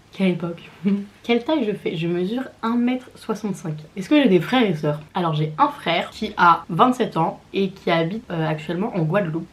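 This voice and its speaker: A French woman in her twenties chatting casually in a vlog while eating, often with her mouth full. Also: mid-range voice. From France, Paris region. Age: 20s. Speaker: vlogger. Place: home in London.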